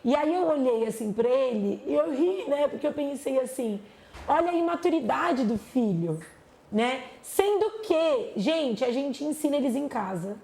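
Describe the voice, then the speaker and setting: A woman, a pastor chatting on a podcast, animated and acting out the voices she quotes. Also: sits high, moderate pace, gravelly. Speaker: pastor and psychologist guest. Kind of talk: casual podcast chat. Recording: echoey room with faint noise.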